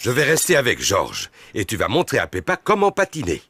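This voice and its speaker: A man's voice: on the low side, huge pitch swings, fairly quick, fairly bright tone, soft background music, heavily acted. A man voicing a big, jolly, boastful and reassuring father pig in a French cartoon.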